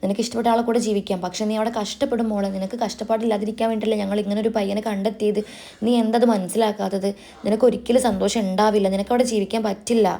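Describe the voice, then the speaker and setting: A woman reads out a controlling middle-aged mother from a TV serial, scolding and pressuring her grown daughter. She talks at a very fast clip, with the everyday pitch of the narrator who puts her on. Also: level tone, mellow, natural voice. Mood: pleading.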